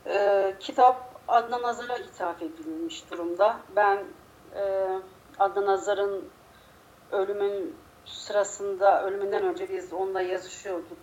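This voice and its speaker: A woman's voice: medium pitch, fairly even intonation, unhurried, a little mellow. A woman poet being interviewed, a little unwell, her voice slightly muffled and strained. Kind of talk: conversational interview with a poetry reading. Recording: clear background noise.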